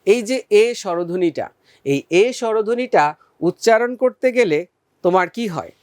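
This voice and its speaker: A man teaching a recorded school lesson, patiently asking questions and then answering them, and sounding out vowels slowly for his students. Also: high voice, animated, darkish tone, clean tone, no echo, studio quality. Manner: patient, addresses students as friends, asks and answers own questions.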